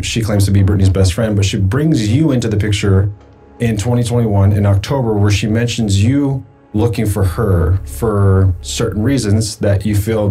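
A man puts slow, deliberate questions to his guest. His voice is low, mellow and husky. Faint music sits under his speech. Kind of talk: measured interview questioning.

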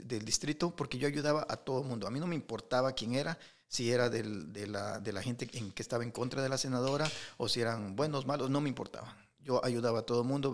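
A middle-aged man telling anecdotes in a casual interview, with lots of fillers and restarts. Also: medium pitch. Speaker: interview guest, entrepreneur. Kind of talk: casual storytelling.

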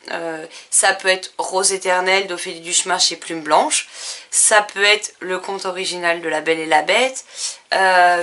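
Woman, book vlogger, bright clear tone, casual list reading, fillers and self-corrections. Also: fairly low pitch. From France. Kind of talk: casual book challenge presentation.

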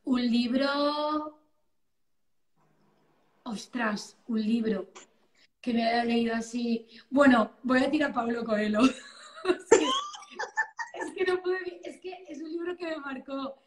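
A Valencian woman in her thirties with a Spanish accent talks slowly in a high-pitched voice, pausing often, during a casual chat as an interview guest. She's animated and exclamatory, calling in by phone video from her living-room sofa with the phone at arm's length. The live stream has a roomy echo.

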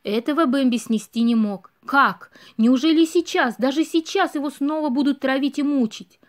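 A woman reading a storybook audiobook aloud with expressive storytelling. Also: sits high, moderate pace. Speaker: audiobook reader. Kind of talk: storybook narration.

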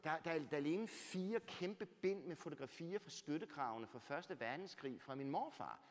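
A man's voice: on the high side, a little hiss or hum. Danish man telling a story in a church. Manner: animated, swinging from loud bursts to near-whispers; rhetorical, keeps adding "right?". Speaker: author giving a talk. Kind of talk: personal storytelling talk. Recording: long church reverb.

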